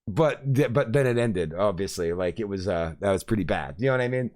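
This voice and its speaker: A man's voice: lowish voice, animated, a little fast, darkish tone. A man hosting a podcast, chatting casually and rambling through a story with many fillers. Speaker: podcast host. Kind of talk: casual chat.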